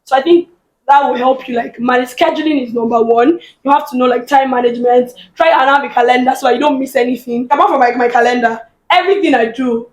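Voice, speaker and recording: A woman with a Nigerian accent, a business owner chatting lively as an interview guest. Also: high-pitched, fast, echoey room. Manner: lively, chatty, laughs often. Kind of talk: casual interview chat.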